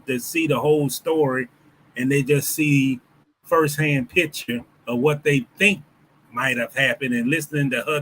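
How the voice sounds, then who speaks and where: A man from the United States, a former sports reporter, talking as a podcast guest in a halting, reflective way. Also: mid-range voice, a bit bright, a little hiss or hum, rough recording. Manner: halting, reflective, many restarts and fillers. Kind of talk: casual podcast conversation.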